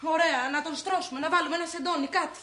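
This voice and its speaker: An actress playing an anxious wife who fires quick, doubtful questions and retorts at her husband. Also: very high-pitched, fairly even intonation, pushed and bright, roomy sound.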